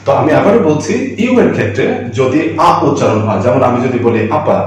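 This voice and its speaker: A man's voice: mid-range voice, sing-song, darkish tone, recorded from a distance, soft background music. Male grammar teacher in a very echoey room. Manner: explains slowly, repeats words, asks questions and answers them. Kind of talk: classroom grammar lesson. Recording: very echoey room, voice away from the mic.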